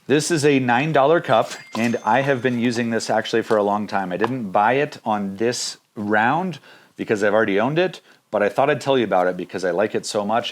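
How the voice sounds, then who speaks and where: A man talks through budget camping gear in a relaxed vlog style. He sounds upbeat and plainspoken and slips in jokes. His voice sits at an ordinary middle pitch. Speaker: outdoor gear reviewer. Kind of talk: casual gear review vlog.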